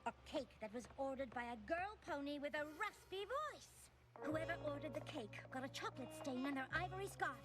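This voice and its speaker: Music runs under a refined female cartoon pony. She is high-voiced and theatrical, a confident sleuth who speaks with precise, lively poise. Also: fairly quick. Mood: confident, accusing. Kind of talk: animated series dialogue.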